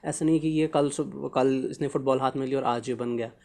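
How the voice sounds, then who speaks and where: A man's voice: mid-range voice, steady tone, a little fast, creaky, a little mellow. Conversational man hosting a podcast. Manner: conversational, mixes in English phrases, long wandering questions. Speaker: podcast host. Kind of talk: interview questions.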